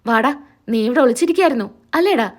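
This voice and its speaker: A woman's voice: fairly high pitch, lively intonation, a little fast. A woman reading the lines of a stern male police officer who curtly orders people about.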